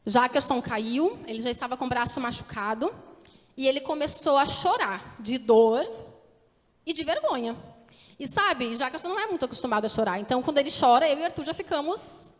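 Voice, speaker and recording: High-voiced Brazilian woman preaching in echoey hall. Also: animated, a little fast. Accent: Brazilian Portuguese. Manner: earnest, asks the congregation direct questions. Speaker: teacher giving a church testimony. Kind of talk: sermon testimony. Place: church hall. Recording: echoey hall with long reverb.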